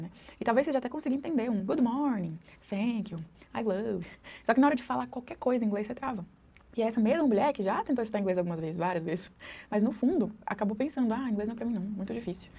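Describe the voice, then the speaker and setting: A woman's voice: on the high side, warm tone, breathy edge. A Brazilian woman in her thirties, an English teacher and mother, talking to camera in a chatty vlog with a Brazilian Portuguese accent, often adding tag questions.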